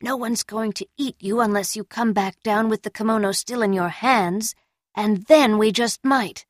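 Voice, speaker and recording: A woman voicing an awkward young geisha who teases and mocks in a loud whisper. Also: mid-range voice, moderate pace, no room sound, clean studio sound, lightly acted. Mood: mocking tease.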